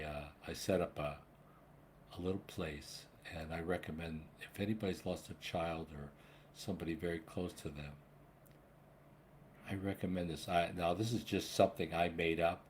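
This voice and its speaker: A man's voice: low voice, slight background noise. A man in his sixties talking in a rambling, earnest monologue about spiritual matters, swearing casually now and then. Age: 60s. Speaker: spiritual vlogger.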